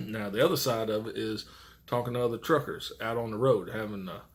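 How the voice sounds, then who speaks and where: An American truck driver with a lowish voice talks briskly in a casual, rambling vlog monologue. He hands out tips in blunt, profane, folksy vernacular.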